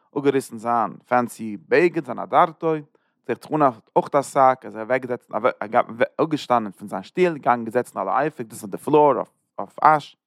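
A man's voice: medium pitch, gravelly, dry recording, studio quality. A man giving a scripture lesson, going through the text verse by verse and restating each term in several ways. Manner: explains each verse, repeats and rephrases terms. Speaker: Bible teacher.

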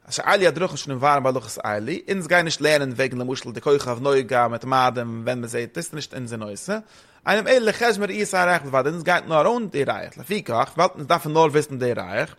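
A man's voice: medium pitch, lively intonation, a bit bright. A man explaining a religious text in casual study talk, rambling and slipping between languages. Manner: rambling, fast, mixes German with Hebrew and English terms.

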